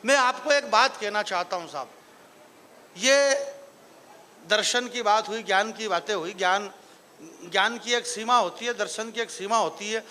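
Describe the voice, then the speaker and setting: High, bright-voiced comic poet. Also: male voice, moderate pace, a little hiss or hum. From Marwar, Rajasthan. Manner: jokey banter with the audience, rising into declaiming verse. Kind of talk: live stand-up poetry recital. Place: live stage event before an audience.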